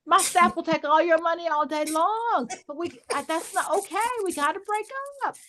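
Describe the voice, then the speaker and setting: A woman's voice: very high voice, moderate pace, pushed and bright. A middle-aged woman coaching an exam prep group, candid and joking with sassy asides. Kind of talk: live online study group.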